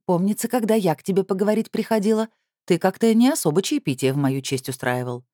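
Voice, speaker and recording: A woman reading an audiobook, voicing a sly, mocking woman who feigns innocence with a bright, teasing, raised voice. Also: medium pitch, lively intonation, quick pace, dry recording, clean studio sound, pitched above the performer's own voice, lightly acted. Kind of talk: audiobook character voice.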